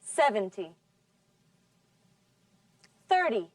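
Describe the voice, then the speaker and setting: A woman leads a scripted language lesson at an unhurried pace, shaping each word with care. Her voice sits a little high and sounds slightly distant from the mic in a dry, dead room. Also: very animated, no room sound. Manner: slow, carefully enunciated teaching delivery. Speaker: English teacher.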